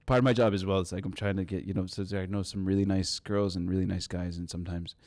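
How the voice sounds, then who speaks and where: A man with a low voice hosts a casual interview. His way of talking is informal and joking, wandering loosely from one remark to the next. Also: steady tone, brisk, darkish tone, no echo, studio quality.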